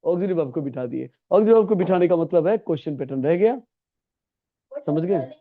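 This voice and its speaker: Male classroom teacher, high voice, coaxing and repetitive, tinny lo-fi recording. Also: lively intonation, brisk. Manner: coaxing, repetitive, calls students "beta". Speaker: English grammar teacher. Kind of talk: classroom lesson.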